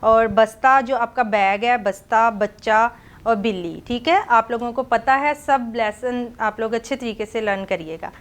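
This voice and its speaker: A woman teaching small children with a somewhat high voice. She draws out each letter sound and repeats it, speaking at an unhurried pace and slipping into English words now and then. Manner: slow, drawn-out repetition of letter sounds, mixing in English words. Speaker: playgroup teacher. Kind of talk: online phonics lesson for small children.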